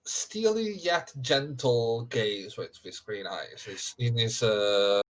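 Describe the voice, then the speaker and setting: A man narrating a tabletop game as game master, improvising haltingly and searching for words. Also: medium pitch, rough recording.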